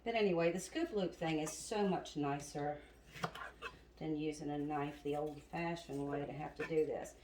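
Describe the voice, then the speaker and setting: A woman hosts a casual cooking demonstration, talking straight to her viewers as she works. She sounds slightly out of breath. The kitchen is roomy and echoing, with loud chopping and dish clatter throughout. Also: deep voice, normal speed, background noise. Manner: chatty, talks to viewers as y'all. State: a bit out of breath. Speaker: home cooking video host. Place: home kitchen. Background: chopping and clattering dishes.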